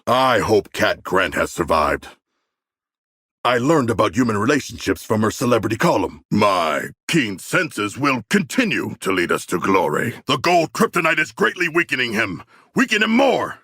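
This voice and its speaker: An actor playing a huge, proud, bookish male shark warrior in a video game, speaking in formal, stilted, literal-minded phrases with a gravelly, husky voice. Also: fairly low pitch, pushed and bright, no echo, clean studio sound, heavily acted. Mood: fierce, booming. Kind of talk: video game character voice lines.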